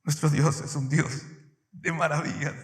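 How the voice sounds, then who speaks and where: A man preaching a sermon as pastor, emphatic and addressing his listeners directly, swinging between loud and soft. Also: fairly high pitch, level tone, measured pace. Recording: echoey church hall reverb.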